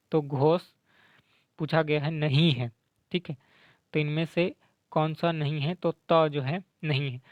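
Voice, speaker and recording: A man teaching grammar, explaining quiz answers slowly and repeating letters aloud, often asking "है ना?" and mixing in English words. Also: on the high side, clean tone, no echo, muffled recording. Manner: slow, repetitive, checks in with "है ना?"; sounds out letters slowly to demonstrate.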